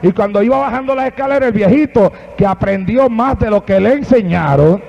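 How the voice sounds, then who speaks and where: A preacher delivers a fervent Pentecostal sermon in church, mixing storytelling with loud calls to the congregation. His voice rides very high, and the old recording sounds dull and muffled. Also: fairly quick, creaky.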